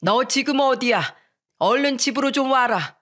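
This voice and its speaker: A woman voicing a middle-aged working father who talks slowly and loudly with indignation, in a narrated radio story. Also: fairly high pitch, close to an everyday voice. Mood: angry.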